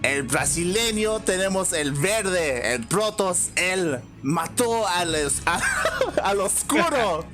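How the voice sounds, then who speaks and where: A man with a raised, very animated voice introduces players as an esports commentator. He does it like a theatrical lucha libre ring announcer, with music faintly behind. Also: sits high, measured pace, few pauses.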